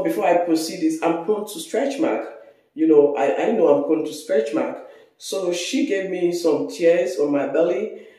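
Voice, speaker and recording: A woman in her thirties with a Nigerian accent, chatting casually on her vlog, hoarse, congested and tired. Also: fairly low pitch, mellow. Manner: chatty, rambling. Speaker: vlogger. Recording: very echoey room.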